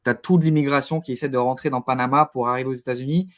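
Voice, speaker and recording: The man, a guest in an interview, has a middling pitch and fairly even intonation. He speaks conversationally but haltingly, repeating words while he looks for the right way to say things.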